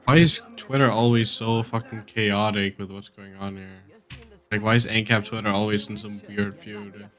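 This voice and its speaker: Low, even-toned casual man. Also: moderate pace. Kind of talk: casual chat. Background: faint music.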